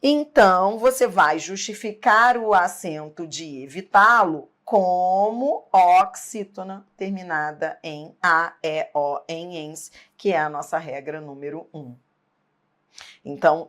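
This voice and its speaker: A woman's voice: lowish voice, unhurried, a bit bright. Emphatic woman teaching grammar. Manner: emphatic, asks rhetorical questions and checks in often. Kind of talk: exam-prep grammar lesson.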